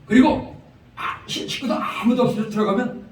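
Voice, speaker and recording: High-voiced Korean pastor preaching in echoey hall. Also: male voice, normal speed. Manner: humorous storytelling, chuckling, emphatic repetition. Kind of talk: revival sermon. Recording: echoey prayer-house hall from far off.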